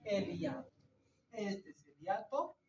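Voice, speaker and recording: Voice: mid-range voice, lively intonation, takes it slowly, recorded from a distance, a crowd in the background. An anatomy teacher lecturing a class, quizzing students and answering the questions themselves while drawing at the board. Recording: echoey classroom recorded from afar, dull lo-fi.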